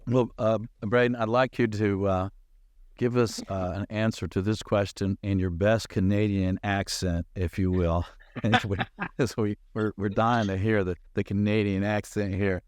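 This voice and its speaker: A man's voice: fairly low pitch, steady tone, measured pace, clear, resonant tone. A man hosting a business podcast, asking friendly, playful questions with some fillers. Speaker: podcast host. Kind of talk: interview hosting.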